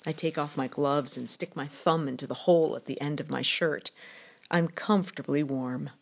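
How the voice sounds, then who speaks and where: Low-voiced woman narrating calmly. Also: vocal fry, rough recording. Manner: calm, descriptive and unhurried. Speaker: narrator of an outdoor audio journal. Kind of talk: reflective first-person narration.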